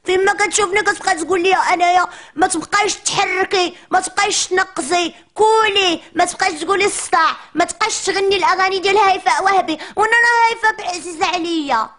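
Woman doing a cheeky Moroccan preschool girl, very high voice, fast whiny chatter, comic monologue. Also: fairly bright tone. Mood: complaining. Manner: whiny complaining childish chatter.

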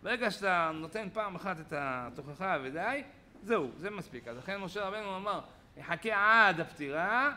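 A man, a rabbi giving a Torah lesson in a study hall, telling stories with lively acted-out quotes. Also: high voice, a little hiss or hum. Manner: animated storytelling with acted-out quotes.

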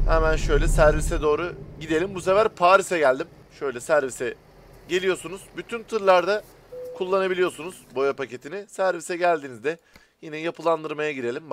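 A man speaking with a Turkish accent, giving casual, excitable gameplay commentary and chatting to his viewers as friends. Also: on the high side, a little hiss or hum. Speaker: gaming YouTuber.

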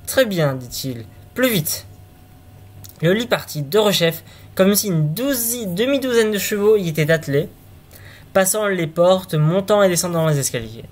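A man's voice: high-pitched, animated, normal speed. A man reading a fairy tale aloud, now and then stumbling and restarting words. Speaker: storyteller.

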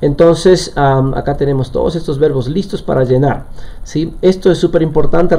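A man's voice: on the high side, vocal fry, warm tone. A man teaching a live online language lesson, explaining step by step and often checking in with his students. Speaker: English teacher.

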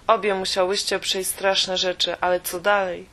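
A woman reading the lines of a kindly, practical hospital matron in a calm storybook voice. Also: medium pitch, normal speed, close to an everyday voice, low-quality recording.

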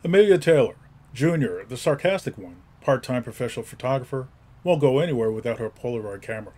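A male narrator reading out character introductions in short, crisp phrases. His voice is husky and a little breathy, at an ordinary mid pitch. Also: expressive, fast talker, darkish tone. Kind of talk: scripted narration.

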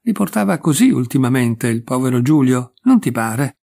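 A man's voice: medium pitch, sing-song, normal speed, gravelly, warm tone. Man reading as a worldly middle-aged mother. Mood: coaxing.

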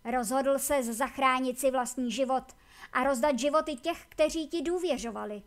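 Lady doing a proud vengeful caged warden lady, high voice, biting and scornful. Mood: bitter. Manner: sharp, scornful retorts. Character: proud vengeful female warden, imprisoned and bitter.

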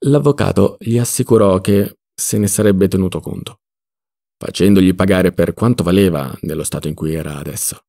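A man narrating a literary audiobook in an expressive, dramatic reading style. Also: sits low, normal speed, vocal fry. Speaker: audiobook reader.

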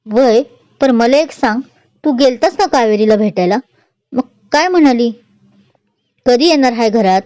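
A woman storyteller voicing an excitable old village grandmother who talks in a rustic dialect. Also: fairly high pitch, a little slow, long pauses, no room sound. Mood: fussing.

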